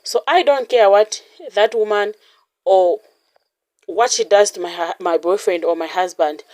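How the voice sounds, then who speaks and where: A woman host speaking casually to viewers, in a measured, reflective and slightly halting way. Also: mid-range voice, a little mellow. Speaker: channel host.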